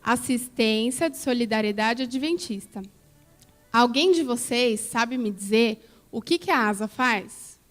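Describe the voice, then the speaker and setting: A woman's voice: on the high side, measured pace. Woman telling children a Bible story. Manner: coaxing, asks children questions. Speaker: children's story teacher at church. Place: church.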